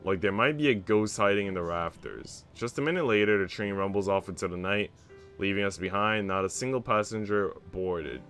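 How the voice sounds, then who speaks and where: A fairly bright, lowish voice moving a little quickly belongs to a young streamer playing a visual novel while music plays. He alternates easygoing slang-filled talk with passages read aloud.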